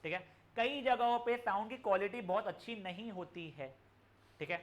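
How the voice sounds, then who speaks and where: A man's voice: high-pitched, moderate pace. A young man teaching a physics class online, explaining in chatty mixed Hindi and English and addressing students affectionately. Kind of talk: live online class lecture.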